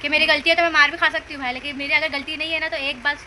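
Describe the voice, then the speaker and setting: A young woman chatting casually in a family vlog, animated and laughing as she tells stories about her sisters. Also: high voice, rapid-fire, heavy background noise. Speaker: vlogger, eldest sister.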